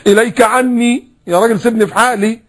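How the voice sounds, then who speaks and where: A man preacher voicing a grieving mother who snaps at a stranger, speaking in a shrill Egyptian accent. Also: fairly even intonation, quick pace. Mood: snapping. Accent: Egyptian Arabic. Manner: shrill, snapping protest. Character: grieving young mother, sharp and tearful.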